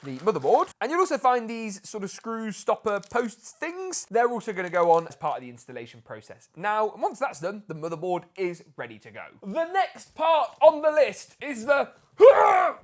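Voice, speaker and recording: A woman's voice: medium pitch, very animated, moderate pace, hardly any pauses. A woman presenting a PC build guide in a chatty, self-deprecating way, thinking aloud as she works. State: slightly out of breath. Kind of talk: casual build guide narration.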